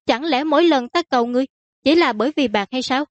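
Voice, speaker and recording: A woman voicing a spirited young princess, pleading with her father in a high, wheedling voice. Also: fast, dry recording, highs cut off, lightly acted.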